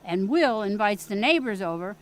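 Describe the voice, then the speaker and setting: Performing in a period radio drama, an actress with a Midwestern American accent plays a pushy small-town mother who scolds in a folksy, plain-spoken way. Her mid-range voice has lively intonation at a moderate pace. The acting is light, and faint music plays behind her.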